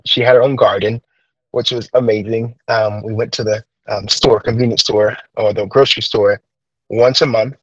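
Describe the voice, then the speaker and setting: Here a young Trinidad-raised man, lightly accented, shares a personal story in an interview, earnest and full of fillers and restarts. His voice is lowish. The audio has no echo but sounds rough.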